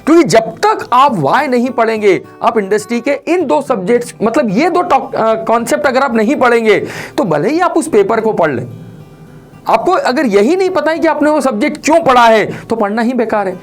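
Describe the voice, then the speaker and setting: A man's voice: very high-pitched, lively intonation, moderate pace, faint music behind. A man in his forties teaching a programming lecture, mixing Hindi and English and asking rhetorical questions. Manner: mixes Hindi and English, with frequent rhetorical questions and "right?" check-ins. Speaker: programming instructor.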